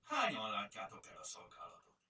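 A man voicing a kind, brave young girl in a storybook, speaking gently and earnestly. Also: fairly low pitch, huge pitch swings, heavily acted. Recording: roomy, distant mic.

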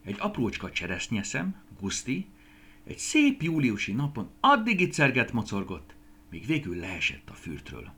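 A man narrating a children's story in an expressive, lilting reading voice. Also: medium pitch, husky.

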